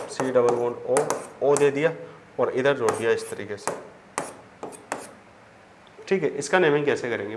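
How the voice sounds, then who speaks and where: A man, teaching chemistry at a board, explaining step by step and answering his own questions. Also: mid-range voice. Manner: addresses students as children. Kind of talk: whiteboard lesson. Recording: faint background noise.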